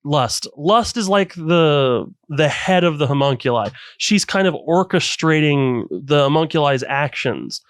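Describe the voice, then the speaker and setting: A man co-hosting a casual anime podcast, retelling scenes with animated enthusiasm. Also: fairly high pitch, a little slow, few pauses, no room sound. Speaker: podcast co-host.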